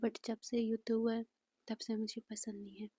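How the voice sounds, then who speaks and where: A woman doing a gentle young man hiding his pain. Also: sits high, completely flat delivery, normal speed, slightly rough, no room sound. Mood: pleading.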